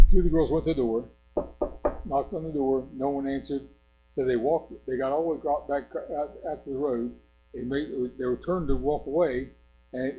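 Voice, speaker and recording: Older male preacher, mellow and warm in tone, rambling and conversational, keeps asking the room "okay?"; faint hum underneath. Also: mid-range voice, highs cut off. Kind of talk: informal sermon. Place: church.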